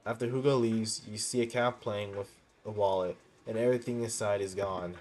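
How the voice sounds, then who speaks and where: Low-voiced man reading game dialogue aloud. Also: fairly even intonation, darkish tone. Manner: halting reading with misreadings corrected. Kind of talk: reading game story text aloud with reactions.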